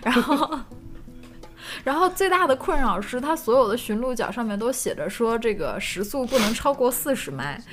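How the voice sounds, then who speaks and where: A woman's voice: on the high side, lively intonation, normal speed, over music. Giggly chatty woman co-host. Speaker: co-host of a chat stream. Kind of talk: casual chat.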